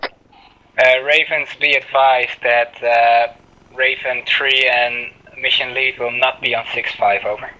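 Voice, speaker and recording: A man in a military game giving loud, clipped radio calls over an in-game walkie-talkie. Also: medium pitch, fairly even intonation, slow pace, highs cut off. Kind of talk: radio voice procedure.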